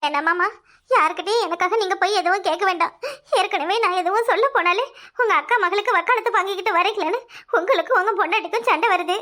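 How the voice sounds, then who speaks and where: A woman's voice: extremely high pitch, quick pace, pushed and bright. A woman with a southern Tamil village dialect voicing a sly young newlywed who complains in a teary, sing-song way in a cartoon. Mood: self-pitying. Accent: southern Tamil Nadu village dialect. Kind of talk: cartoon voice acting.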